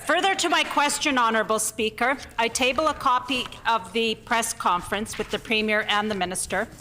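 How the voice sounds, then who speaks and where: Bright, forceful woman questioning in parliament. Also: a little high, steady tone, brisk. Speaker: opposition legislator. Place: large legislative chamber. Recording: reverberant chamber, faint noise.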